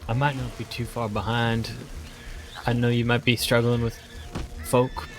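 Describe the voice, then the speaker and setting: A man's voice: mid-range voice, flat delivery, measured pace, over music. A man roleplaying a blunt, cursing outlaw in a western game. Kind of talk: in-character roleplay chat.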